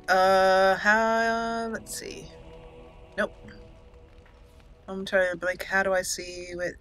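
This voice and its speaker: A woman hosting a gaming channel gives casual let's play commentary, chatting and thinking aloud as she plays over game music. Her medium-pitched voice is bright with a forceful tone.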